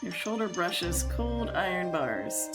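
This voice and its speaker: A woman reading a story game aloud, slowly, with amused asides. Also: fairly low pitch, very animated. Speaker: game streamer. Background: game music.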